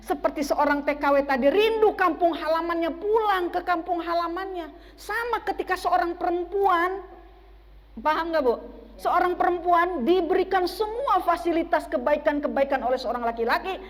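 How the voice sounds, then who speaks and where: A woman preaches a sermon to a women's study group in a mosque, her very high voice carrying through a large hall at normal speed. She often questions her listeners and pauses for answers.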